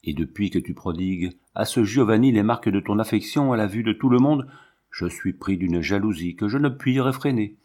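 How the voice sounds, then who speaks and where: A man's voice: fairly low pitch, animated, brisk, a little mellow. A man reading as a jealous young villain. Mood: obsessive.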